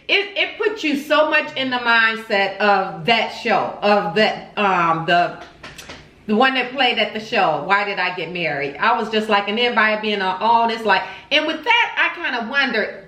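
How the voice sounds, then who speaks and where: Bright, high-voiced woman chatting over food. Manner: chatty, expressive, repeats words for emphasis; chewing and eating while talking. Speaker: vlog host. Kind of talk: casual mukbang chat. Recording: roomy, echoey home recording.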